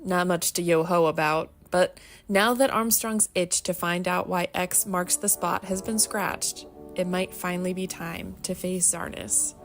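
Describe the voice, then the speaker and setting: A woman's voice: lowish voice, fairly even intonation, measured pace, soft background music. A woman reading a scripted episode recap of a tabletop game, delivered like a mock multiple-choice quiz.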